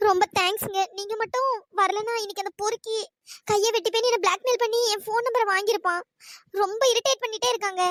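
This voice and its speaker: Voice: very high-pitched, fairly even intonation, quick pace, a bit bright, dry recording, studio quality. A performer voicing a frightened young college woman in a cartoon, polite and pleading. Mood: tearful. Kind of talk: cartoon voice acting.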